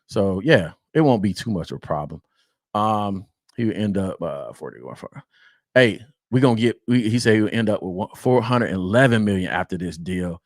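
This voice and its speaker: A man's voice: fairly low pitch, animated, moderate pace, no echo, clean studio sound. A man from the Atlanta area hosting a sports show, talking casually and rhetorically and repeating himself for emphasis.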